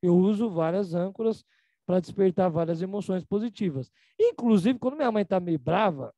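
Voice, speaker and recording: A man with a Brazilian Portuguese accent, an emotional reprogramming teacher, runs a live online class over a video call in a casual, slangy style. His tone is warm with no echo, and he mimics other people in a higher voice.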